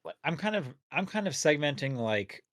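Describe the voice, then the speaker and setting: A man's voice: a little high, sing-song, moderate pace, a bit bright, no room sound, clean studio sound. A man co-hosting a casual podcast, talking in a rambling, hesitant way. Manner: rambling, hesitant, lots of fillers and restarts. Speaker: podcast co-host.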